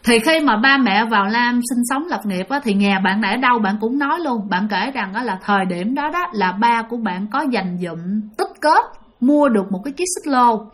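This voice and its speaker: High-voiced chatty woman telling a ghost story. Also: animated, moderate pace. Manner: chatty, addresses listeners directly. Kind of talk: conversational ghost story narration.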